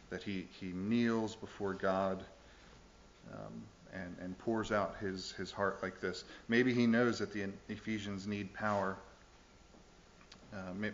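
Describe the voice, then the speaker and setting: A man's voice: low voice, fairly bright tone, muffled recording, a little hiss or hum. A man preaching a sermon in an earnest, emphatic way, pressing the listeners with questions. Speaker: pastor.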